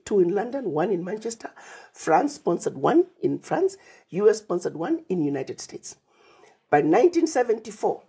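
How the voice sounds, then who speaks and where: A Pan-African advocate from Zimbabwe, here as an interview guest, speaks emphatically in a medium-pitched voice that's mellow and slightly rough. She breaks plans down into lists and retells conversations.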